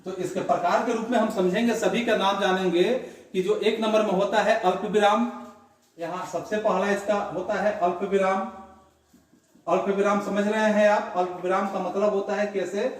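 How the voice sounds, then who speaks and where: High-voiced teacher in an echoey room. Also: male voice, steady tone, far from the mic. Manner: slow, repetitive explaining with examples. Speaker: grammar teacher. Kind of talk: classroom lesson.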